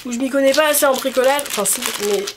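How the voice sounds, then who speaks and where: A woman's voice: sits high, fast talker. A young woman with a blocked nose and a honking, nasal voice, chatting casually and rambling informally as a vlogger. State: congested with a cold. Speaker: cosplay vlogger. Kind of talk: casual video chat. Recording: clearly noisy background.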